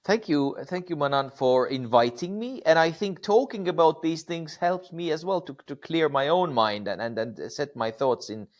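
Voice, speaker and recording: A middle-aged man from Estonia, a podcast guest who talks in a halting way and repeats words a lot. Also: a little high. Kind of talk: casual podcast conversation.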